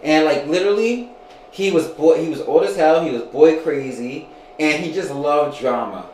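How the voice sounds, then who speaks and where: A man in his twenties hosting a casual chat, animated, gossipy and joking. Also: on the high side, normal speed, reverberant, a little hiss or hum, low-quality recording. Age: 20s. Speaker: podcast host.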